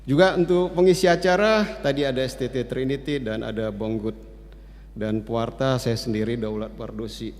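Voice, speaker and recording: A man of about sixty giving church announcements in a relaxed, chatty way, with many hesitant fillers. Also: mid-range voice, normal speed. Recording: long reverb of a church hall.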